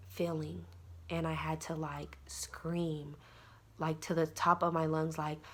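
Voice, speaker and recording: Earnest, bright-voiced woman vlogger. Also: low voice. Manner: earnest, insistent, with many fillers and direct address to viewers. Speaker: mother sharing a personal story. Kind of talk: casual vlog storytelling.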